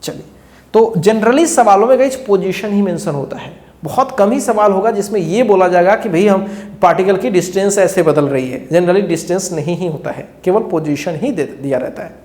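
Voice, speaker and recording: A man's voice: high-pitched, moderate pace, darkish tone. A male teacher giving a lecture who keeps quizzing his students with rhetorical questions and repeats key phrases as he explains. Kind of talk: classroom lecture. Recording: echoey room.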